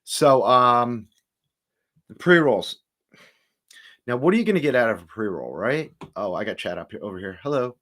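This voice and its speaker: A man's voice: medium pitch, animated, normal speed, pauses often, a bit bright. A man hosting a casual home livestream, rambling and stop-start as he greets viewers in the chat. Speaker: livestream host reviewing cannabis.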